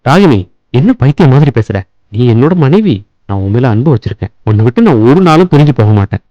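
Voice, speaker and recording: A man's voice: mid-range voice, fast talker, no room sound, dull audio, close to an everyday voice. A man voicing a patient, dutiful elder son and husband in a cartoon, speaking firmly and reasonably. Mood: reassuring. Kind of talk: cartoon voice acting.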